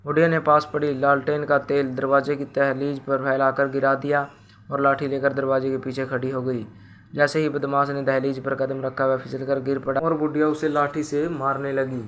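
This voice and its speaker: A man narrating a moral story in a plain, even storytelling way. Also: medium pitch, normal speed, slight background noise.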